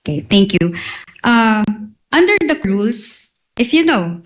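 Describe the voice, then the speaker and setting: A woman's voice: mid-range voice, low-quality recording. A woman with a Filipino accent speaking as a lawyer in formal cross-examination, putting leading questions methodically, item by item.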